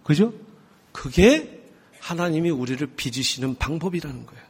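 A male pastor preaching a sermon, lively and teasing, drawing answers from the congregation. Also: on the high side, normal speed, breathy edge. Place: church sanctuary. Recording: long hall reverb.

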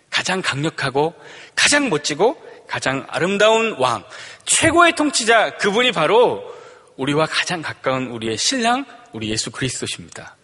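A man pastor preaching a sermon, asking rhetorical questions and swinging between loud declarations and hushed asides. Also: sits high, breathy edge. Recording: long reverb from a large hall.

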